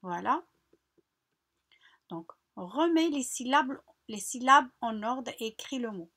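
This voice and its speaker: A woman teacher slowly guiding children through a French workbook lesson, repeating words and spelling out syllables patiently. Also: a little high, animated, sharp tone. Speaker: primary school teacher. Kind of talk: recorded lesson walkthrough.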